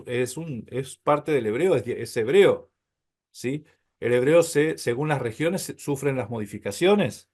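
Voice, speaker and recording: A man's voice: medium pitch, darkish tone. A man teaching a Hebrew class, explaining patiently, calling his listeners brothers and checking often that they follow.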